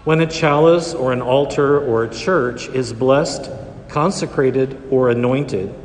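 A man, a priest reading scripture and preaching in a solemn, measured way, his voice echoing through a large church. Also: mid-range voice, a little hiss or hum. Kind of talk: liturgical gospel reading and homily. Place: large reverberant church during Mass. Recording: long cathedral-like echo, large church.

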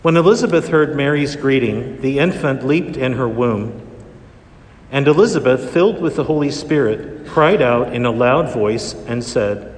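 Priest guy reading in church, slow solemn delivery, big cathedral echo hanging on every word. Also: mid-range voice. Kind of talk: liturgical reading and homily. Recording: echoey church hall reverb.

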